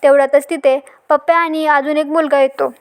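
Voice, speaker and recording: High-voiced woman retelling a serial episode. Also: level tone, brisk. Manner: retells scenes line by line, quoting each character in turn. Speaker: serial recap narrator. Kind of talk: storytelling recap of a TV serial episode.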